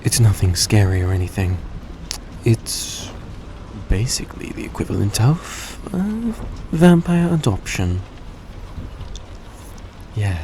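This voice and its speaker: Voicing a gentle, well-mannered vampire settling a debt, this man sounds reassuring and earnest. He speaks slowly and deeply with a creaky, gravelly edge, choosing courteous, formal words with a touch of hesitation, as though in a close audio drama aimed at the listener. Constant noise hums in the background.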